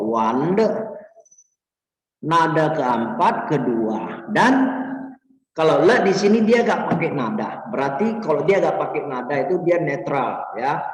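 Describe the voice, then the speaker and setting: A man teaching a vocabulary lesson in a patient, step-by-step way, his pitch rising and falling a lot. He speaks slowly and is a little distant from the mic. The room adds a long, hollow reverb. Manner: slow, explanatory, frequent "ya" tags. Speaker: Mandarin teacher. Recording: echoey room, voice a bit distant.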